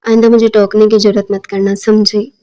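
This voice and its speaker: A woman's voice: mid-range voice, level tone, mellow, lightly acted. Woman reading a cruel, domineering husband. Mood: cold, commanding. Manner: curt, commanding.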